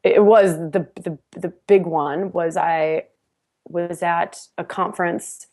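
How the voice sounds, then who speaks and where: Slow and lowish in voice, a woman appears as a guest on a podcast to tell a story from her own life. She's casual and animated, laughing often and restarting sentences.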